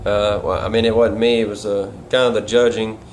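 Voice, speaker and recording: A man's voice: fairly low pitch, level tone, brisk. A man talking casually and instructionally in a folksy, rambling way with colloquial grammar. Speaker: duck calling instructor and caller. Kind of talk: casual instructional vlog talk. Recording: clear background noise.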